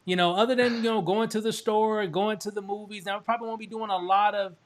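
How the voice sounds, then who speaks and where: A man's voice: high voice, steady tone, fast. A man from Texas hosting a casual promotional chat over a video call, upbeat and full of restarts and fillers. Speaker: host.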